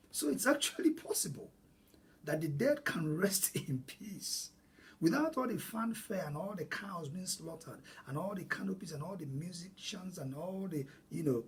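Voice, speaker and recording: A Nigerian man, a native Igbo speaker with a Nigerian accent, hosts a solo talk about money. His voice is on the high side with a breathy edge, and he sounds earnest and emphatic, repeating phrases for stress.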